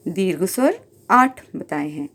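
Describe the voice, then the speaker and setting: Slow, lively-voiced woman teaching. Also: fairly low pitch. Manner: explains patiently, repeats points, draws out sounds. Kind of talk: Hindi grammar lesson.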